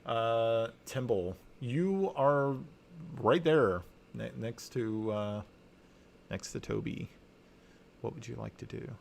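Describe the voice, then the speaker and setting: A man running a tabletop game as dungeon master, narrating slowly with many fillers and restarts. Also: mid-range voice, gravelly, a little mellow.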